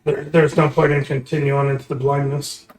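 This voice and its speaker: A man's voice: mid-range voice, flat delivery, brisk, darkish tone. A man talking casually as a player in a tabletop fantasy game. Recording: roomy, echoing room recording.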